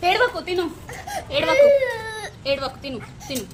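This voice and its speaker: A woman's voice: high voice, animated, moderate pace, heavy background noise. A young mother at home, coaxing and scolding her small child in short, repeated commands while filming. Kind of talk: casual home vlog. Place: family home.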